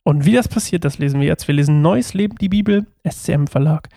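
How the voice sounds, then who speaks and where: Podcast guy reading the bible and chatting about it, kinda high voice, dry close sound. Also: fast, gravelly, dark tone, no room sound. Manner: chatty, loose, often restarts mid-sentence. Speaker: podcast host. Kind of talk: casual Bible reading and commentary.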